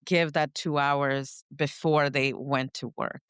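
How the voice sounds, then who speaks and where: A woman from India, a podcast co-host reflectively recounting her upbringing, often pausing to search for words. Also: low-pitched, steady tone, fairly bright tone, clean tone, dry recording, clean studio sound. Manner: reflective, searching for words, frequent "you know". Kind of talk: personal storytelling in conversation.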